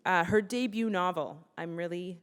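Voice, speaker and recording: A woman hosting an author talk on stage, enthusiastic and quick to laugh. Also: lowish voice, clear, resonant tone. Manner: enthusiastic, warm, laughing asides. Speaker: interviewer. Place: public library event hall. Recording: long reverb of a hall.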